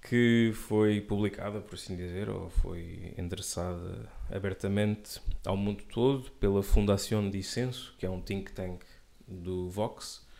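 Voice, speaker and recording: A man's voice: low voice, fairly even intonation, measured pace, creaky, hardly any pauses, mellow. A man co-hosting a casual political chat, delivering wry, sarcastic asides. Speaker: podcast co-host.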